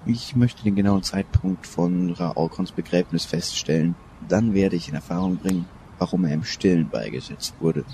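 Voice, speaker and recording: A man's voice: sits low, moderate pace, few pauses, mellow, slight background noise. An actor playing a stern, authoritative older male Egyptologist professor in a radio play. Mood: lecturing. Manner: authoritative, lecturing.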